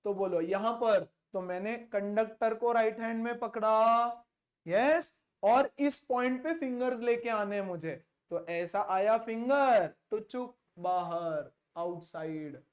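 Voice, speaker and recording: Man, teacher, physics lesson, slow deliberate delivery, repeats key terms, playful. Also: extremely high pitch. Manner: mixes Hindi with English terms, repeats key words slowly; playful, acts out imagined exchanges.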